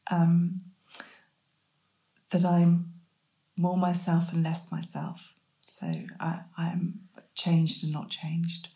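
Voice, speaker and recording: A woman's voice: on the low side, dark tone, echoey room. A woman who says w for r, speaking as an interview guest in a thoughtful, self-deprecating and reflective way. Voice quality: says w for r, cannot pronounce R clearly. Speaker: interview guest, medical ethicist.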